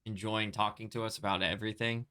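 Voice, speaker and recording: A man's voice: fairly low pitch, level tone, fast, sharp tone, clean tone. A man co-hosting a podcast in casual chat, laughing often and trailing off into restarts. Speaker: podcast co-host. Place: living in Korea.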